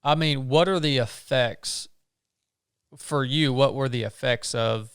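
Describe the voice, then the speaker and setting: A man's voice: mid-range voice, a little slow, a bit bright, clear, resonant tone, no room sound, clean studio sound. A man hosting an interview, asking probing questions and giving short affirmations. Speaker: podcast host.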